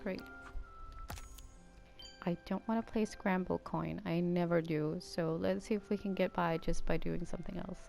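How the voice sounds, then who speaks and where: A young woman from Denmark, a native Danish speaker with an Americanized English accent, chats casually while commenting on her gameplay as a gaming YouTuber, rambling in a Valley Girl YouTube tone. Her voice is lowish and darkish with vocal fry, her intonation fairly even and her pace moderate. Faint music plays behind her.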